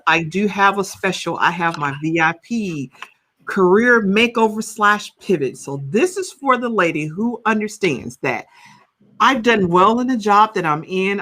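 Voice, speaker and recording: Woman in her 50s on a podcast video call, bright clear voice, keeps tossing in "right?" while she tells her story. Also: lowish voice. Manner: animated storytelling, rhetorical "right?". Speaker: guest, counselor and coach. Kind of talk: podcast interview.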